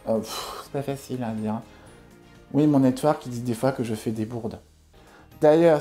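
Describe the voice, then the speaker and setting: Parody vlog influencer, played by a man: female, ditzy, affected, money-loving, mellow tone, light music underneath. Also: fairly high pitch, pitched above the performer's own voice, lightly acted. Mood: vain, hesitant. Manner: affected, airheaded, hesitant. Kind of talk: parody beauty vlog sketch.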